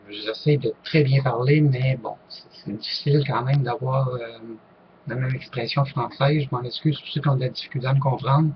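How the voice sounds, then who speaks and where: A man's voice: medium pitch, dull audio. Man, Québécois accent, hesitant, lots of fillers, casual talk to camera, faint background noise. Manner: hesitant, many fillers and restarts. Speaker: channel host answering viewer questions.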